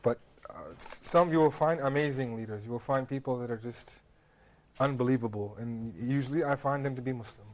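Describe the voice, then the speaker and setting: A man from the United States talks on a studio panel. He has a plain mid-pitched voice and a casual delivery. He hesitates often and repeats words while he works out his point. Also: brisk, a little mellow. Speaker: studio guest. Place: television studio.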